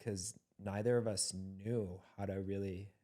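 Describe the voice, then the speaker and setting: An earnest young man co-hosting a candid podcast conversation. His voice sits low and stays fairly level in pitch. He speaks reflectively and searches for his words. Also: fairly even intonation, unhurried, mellow. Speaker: podcast co-host.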